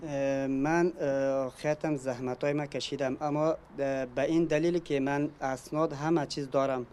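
A man's voice: mid-range voice, fairly even intonation, racing, darkish tone, a little hiss or hum. A man from Afghanistan, a panel guest, giving personal testimony with many hesitations.

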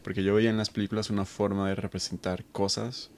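Interview guest from Colombia, thirties, deep and gravelly, reflective, restarts often. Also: male voice, flat delivery, quick pace. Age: 30s. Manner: thoughtful, many fillers and restarts. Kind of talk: conversational interview.

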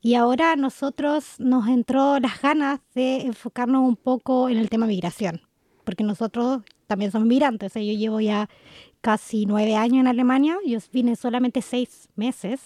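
A young adult Chilean woman co-hosting a casual conversation, chatty and quick to laugh. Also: a little high, steady tone, dark tone, no room sound, clean studio sound. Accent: Chilean Spanish. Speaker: co-host.

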